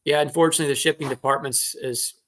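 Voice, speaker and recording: A man's voice: mid-range voice, fairly even intonation, fast talker, fairly bright tone. A man hosting a casual live chat show, rambling and teasing as he reads out viewer comments. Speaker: host.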